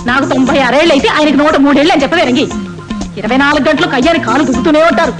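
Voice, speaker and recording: A woman's voice: high voice, racing, over music, natural voice. A woman playing a tart-tongued old wife. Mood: complaining. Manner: tart, complaining asides. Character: bickering old wife, sharp-tongued and aggrieved. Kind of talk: film comedy acting.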